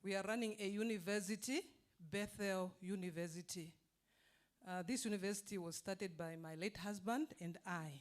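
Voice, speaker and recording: A woman from Zambia with a Zambian English accent, a university founder, giving a measured report with many fillers at a convention. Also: medium pitch. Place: convention hall.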